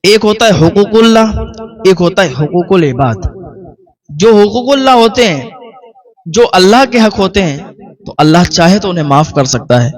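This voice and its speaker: A man giving a religious sermon in style storytelling, speaking earnestly and repeating key points for emphasis. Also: a little high. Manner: earnest, repetitive emphasis, recounts dialogue. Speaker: preacher.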